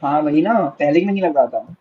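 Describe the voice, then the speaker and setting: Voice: mid-range voice, expressive, a little fast, phone-quality sound. A host chatting casually, answering with short interjections and wry complaints. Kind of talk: casual chat.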